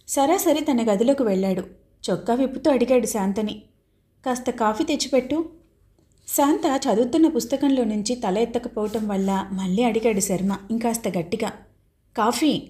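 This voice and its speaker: A woman narrating a novel as an audiobook, telling the story in a steady, even way. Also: a little high.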